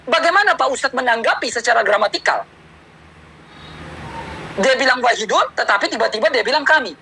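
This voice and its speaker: Taunting high bright challenger voice. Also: male voice, expressive, a little fast, gravelly, slight background noise, poor audio. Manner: taunting, repetitive, mocking. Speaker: debate challenger. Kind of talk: provocative debate challenge.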